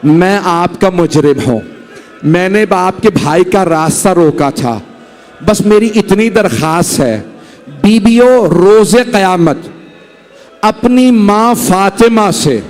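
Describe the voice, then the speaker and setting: A preacher voicing a remorseful warrior pleading. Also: male voice, high-pitched, a little mellow. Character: repentant warrior begging forgiveness, man.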